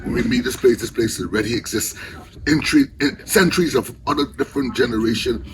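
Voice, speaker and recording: A man's voice: medium pitch, brisk, noisy background. Caribbean elder man in Rasta speech. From the Bahamas. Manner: Rasta speech, with patois phrasing and I-and-I idiom. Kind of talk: impassioned informal reasoning.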